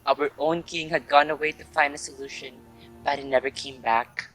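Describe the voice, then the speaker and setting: In a staged readers' theatre performance of a Greek tragedy, a man serves as narrator and chorus actor, playing a grave, reverent Theban townsman and messenger who pleads. His fairly high voice is bright and forceful, with fairly even intonation and a moderate pace, over soft background music in poor audio.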